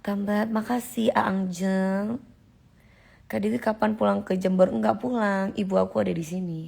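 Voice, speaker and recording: Gravelly-voiced woman chatting on a live stream. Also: medium pitch, steady tone, moderate pace, darkish tone. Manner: chatty, emphatic, answers comments directly. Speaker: live-stream host reading viewer comments. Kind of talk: casual live-stream chat.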